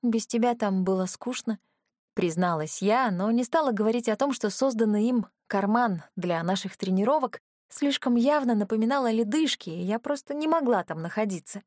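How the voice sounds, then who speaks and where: A woman narrating a first-person audiobook story in a calm, even way with a touch of sarcasm. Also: a little high, normal speed, no echo, clean studio sound.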